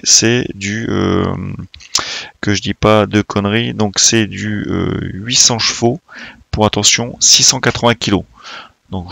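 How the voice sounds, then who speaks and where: Sim racing host, man, casual hesitant commentary, gravelly low voice, close dry sound. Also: fairly bright tone, no echo. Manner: hesitant, many fillers and restarts.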